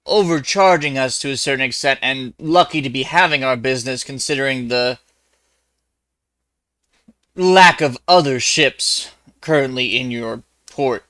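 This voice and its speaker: A man's voice: medium pitch, bright, forceful tone, dry recording. A man doing a meek, timid crewman. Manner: slow, polite, apologetic hedging.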